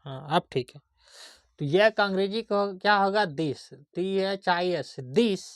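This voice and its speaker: Slow, patient male teacher. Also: sits high, no room sound, studio quality. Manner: slow, patient, checks understanding often. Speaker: English grammar teacher. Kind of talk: classroom grammar lesson, spelling words letter by letter.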